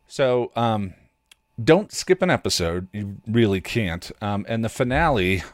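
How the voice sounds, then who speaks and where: With an animated, lowish voice at a measured pace, a man hosting a podcast offers casual streaming show recommendations, enthusiastic and rambling as he thinks out loud. The sound is dry and studio-clean.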